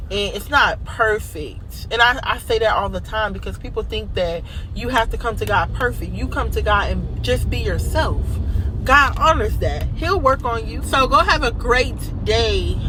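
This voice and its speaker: An American woman vlogger with a mid-range voice offers earnest, emphatic, casual faith encouragement, repeating phrases for emphasis. Her speech is slightly impeded by dental braces, and there's noise in the background.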